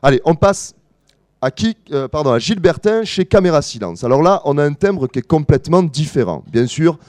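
A male lecturer presenting his analysis to an audience, his pitch rising and falling with a lot of movement. His tone is warm and mellow, and the recording is dry and close. He explains patiently, stopping now and then to correct himself. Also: animated, no echo. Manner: explanatory, pauses with fillers and self-corrections. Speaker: musicology lecturer. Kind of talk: academic presentation to a live audience.

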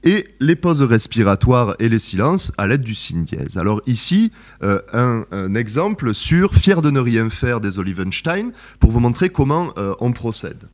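Male researcher giving a methodical academic presentation, steady and careful, with frequent hesitations. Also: mid-range voice, unhurried, few pauses. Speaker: researcher presenting his work.

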